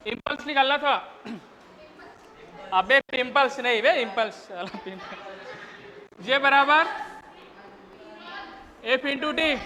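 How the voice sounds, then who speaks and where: A man's voice: very high-pitched, bright, forceful tone. A male physics teacher running a rowdy class, scolding and teasing his students in crude slang between dictated questions. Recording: lo-fi classroom recording in a reverberant room.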